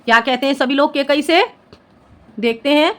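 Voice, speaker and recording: Here a young woman teaches Hindi, explaining every line of a poem with classroom patience. Her voice is high and bright, her pace normal, and she keeps confirming that her students understand.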